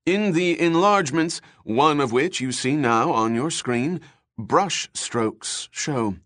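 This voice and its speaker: A man voicing a dry, pedantic male research chief who explains findings on television, slowly and deliberately. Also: fairly high pitch, fairly bright tone, no room sound, pitched above the performer's own voice. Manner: slow, deliberate, lecturing. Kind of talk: audiobook character voice.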